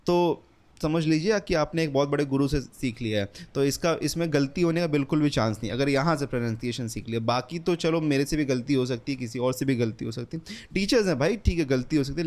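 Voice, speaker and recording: A man's voice: a little high, a little mellow. A young man, giving an earnest, casual English lesson and repeating his points, with English words mixed into his speech. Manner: earnest, repetitive, mixes English words into Hindi. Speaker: English teacher. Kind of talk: casual spoken lesson, book recommendation.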